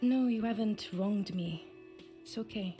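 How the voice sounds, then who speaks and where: A woman's voice: medium pitch, unhurried, mellow, faint music behind, lightly acted. An actress voicing a reluctant female patrol officer in a video game, hesitant and evasive. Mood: reluctant, uneasy.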